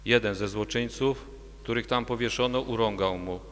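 A man narrating the Passion as a liturgical reading, steady and measured. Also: mid-range voice, a little hiss or hum. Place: church. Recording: long church reverb.

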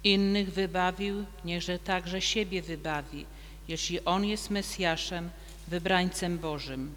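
A man reading the crowd at the cross, high voice. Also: steady tone, a bit bright. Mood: scoffing. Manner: slow, measured reading. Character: onlookers at the cross: scoffing rulers, soldiers, thieves, centurion. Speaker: reader of the Passion. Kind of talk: liturgical reading. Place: church. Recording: long church reverb, faint hum.

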